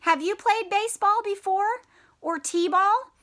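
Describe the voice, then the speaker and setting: A woman teacher reads aloud to children at a slow pace in a high voice. She is animated and encouraging, pausing to ask the kids questions.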